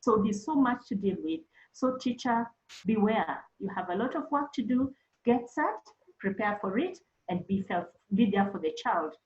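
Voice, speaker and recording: A woman's voice: medium pitch, animated, normal speed, a little mellow, echoey room, muffled recording. A woman speaking as a counselor, earnestly advising teachers and repeating points for emphasis. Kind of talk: webinar talk to teachers.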